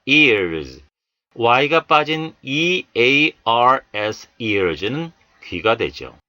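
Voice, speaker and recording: A man teaching English Bible verses and pronunciation, saying each word slowly and more than once before explaining it. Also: medium pitch, very animated, pushed and bright, no echo. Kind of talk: slow, deliberate pronunciation lesson.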